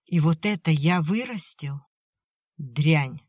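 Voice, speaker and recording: A woman reading an audiobook, voicing a furious middle-aged uncle who shouts and scolds. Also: sits low, lively intonation, takes it slowly, no echo, studio quality, full character voice.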